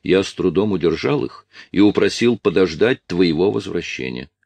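A man's voice: low voice, expressive, normal speed, vocal fry, a little mellow, dry recording, full character voice. A man voicing a loyal deputy officer who explains things earnestly.

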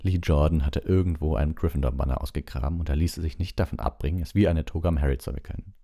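A man reading a storybook aloud as an audiobook, in a calm, measured storytelling manner with small slips. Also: extremely low pitch, creaky. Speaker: audiobook reader.

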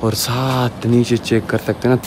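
A man in his twenties gives his viewers a casual tour of a house and yard, out on a rooftop and a village yard, tagging "na" onto his sentences as he points things out. His mid-range voice is flat, mellow-ish and moderately paced. He holds his phone at arm's length, and birds and outdoor noise fill the background.

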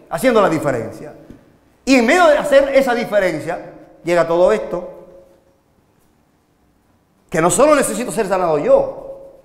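A man from the Dominican Republic preaches a live sermon to young people in an echoey hall with long reverb. His voice is on the high side, and he is animated, asking rhetorical questions and swinging between loud and soft.

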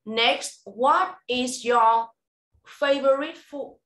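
A woman teaching English over a video call, giving a speaking test and prompting slowly and clearly with encouragement. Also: high voice, a bit bright. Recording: roomy echo.

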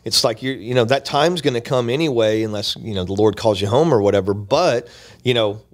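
A man in his fifties co-hosting a church podcast, talking in an earnest, rambling way full of asides, close on a boom mic in a small studio. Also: brisk. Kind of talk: casual chat. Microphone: boom mic close to mouth.

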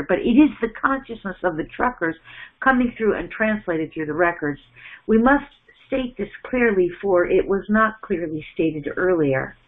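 Middle-aged woman, spiritual channeler, slow halting delivery with repeated words, narrow phone-like earphone-mic sound. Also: medium pitch. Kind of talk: channeled message in first person plural. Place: small indoor room at home. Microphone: wired earphone mic on a webcam call.

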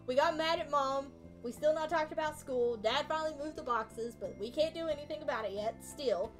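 A woman's voice: high-pitched, moderate pace, faint music behind. A woman streamer chatting casually and thinking aloud as she plays a video game, often poking fun at her own skill. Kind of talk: casual gameplay commentary.

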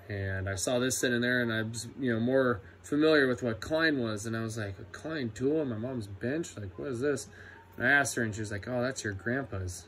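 A young man walks through his tool bag in a loose, unhurried way, his voice sitting a little low. He fills gaps with ums and swears without thinking about it. A faint background noise runs under the recording. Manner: laid-back, swears a lot, many ums. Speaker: electrician apprentice. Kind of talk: casual tool review vlog.

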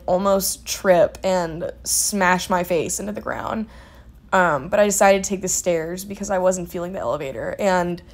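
A woman's voice: on the low side, poor audio. A young woman in casual vlog narration, chatty and rambling, sounding tired and out of breath while filming herself around her dorm on a phone. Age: young adult. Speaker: vlogger. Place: dorm stairwell and rooms.

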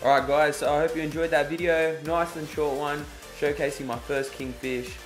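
A man's voice: on the high side, fairly even intonation, normal speed, soft background music. A young man vlogging and casually explaining his gear step by step, with plenty of "um" and "you know" fillers. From Australia. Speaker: fishing vlogger. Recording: roomy echo.

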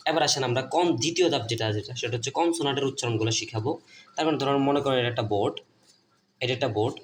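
A man's voice: medium pitch, slight background noise. A man with a Bangladeshi Bengali accent, teaching a lesson at a board, repeating each point and asking and answering his own questions.

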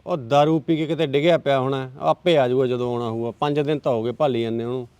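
A man's voice: mid-range voice, steady tone, quick pace, darkish tone, clean tone, no room sound, lightly acted. A man playing a blunt, impatient village man in a village drama. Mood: gruff. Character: gruff village man sitting at the bar. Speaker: brother-in-law.

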